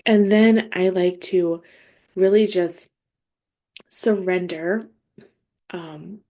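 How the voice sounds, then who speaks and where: A woman grief coach talking gently and conversationally, with frequent fillers, walking listeners through her own coping steps. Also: lowish voice, steady tone, extremely slow. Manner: gentle, conversational, many fillers and self-talk. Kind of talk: reflective solo podcast talk.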